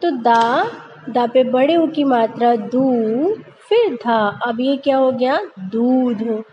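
A woman's voice: a little high, slow pace, lo-fi sound, slight background noise. A woman teaching young children over pictures, patiently asking questions and answering them herself. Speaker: primary school teacher. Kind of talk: narrated lesson over slides for young children.

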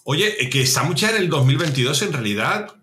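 A man's voice: on the high side, expressive, fairly quick, noisy background. A man, a guest co-player in a casual gameplay chat, full of jokey banter.

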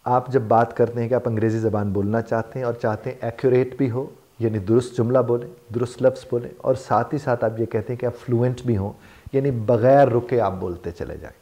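A man's voice: mid-range voice, steady tone, brisk, warm tone. A man gives a motivational lesson on spoken English, explaining with everyday examples and repeating phrases for emphasis. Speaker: life coach teaching spoken English.

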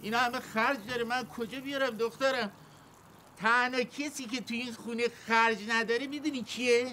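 A man's voice: very high voice, fairly even intonation, pushed and bright, slight background noise. A man playing a retired father who scolds and complains about money. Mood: grumbling. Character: grumbling retired father fretting over money. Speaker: retired office worker, father. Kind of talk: TV sitcom acting.

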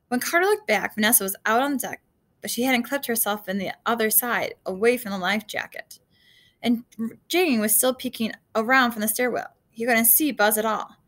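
A woman reading an adventure story aloud in a casual, homely way, with a rather high voice. She stumbles now and then and corrects herself, chatting to her listeners between passages. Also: a bit bright. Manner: casual read-aloud with slips and asides to listeners. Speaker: reader of a children's novel.

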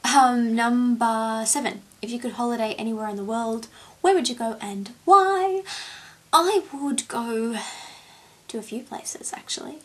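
A woman's voice: a little high, measured pace, poor audio. A young woman chatting casually to camera as a vlogger, answering tag questions with plenty of ums. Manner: rambling and chatty, with many ums. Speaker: beauty vlogger.

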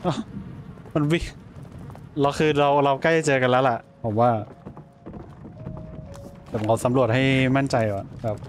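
A man's voice: medium pitch, moderate pace, long pauses, slight background noise. Cursing, jumpy man playing a game. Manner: blunt, swears freely, jumpy exclamations. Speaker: gaming streamer. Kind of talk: casual let's-play commentary.

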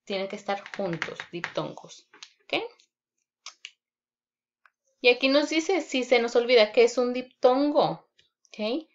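A woman teacher giving a children's reading lesson online, speaking deliberately, repeating words and checking in with "ok?" often. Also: on the high side, lively intonation. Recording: dull lo-fi recording.

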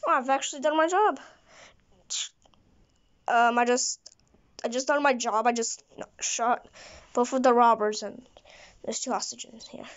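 A woman's voice: on the high side, a little slow, pauses often, natural voice. A woman voicing a blunt, trigger-happy male police officer who rambles and restarts his sentences. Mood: offhand. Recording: dull lo-fi recording.

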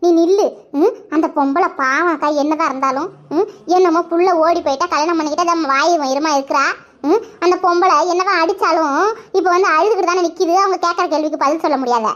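A woman talking quickly in a gossipy way, voicing a village cartoon scene. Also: very high-pitched, fairly bright tone. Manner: chatty, gossiping, laughs while talking. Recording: slightly dull lo-fi audio.

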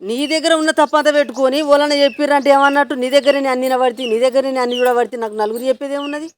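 Fast, nagging high-voiced woman scolding. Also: fairly even intonation, a little hiss or hum. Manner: nagging, repetitive, rapid scolding. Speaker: scolding mother-in-law in a prank skit. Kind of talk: scripted village family prank skit.

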